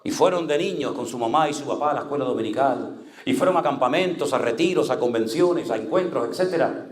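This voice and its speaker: A man's voice: medium pitch, lively intonation, fairly quick, reverberant. A male pastor preaching an impassioned sermon, acting out the voices he quotes.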